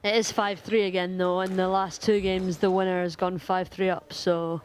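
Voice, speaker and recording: A woman from Wales with a Welsh accent, giving live squash commentary in a measured, analytical way with dry humour. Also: lowish voice, flat delivery, a little hiss or hum.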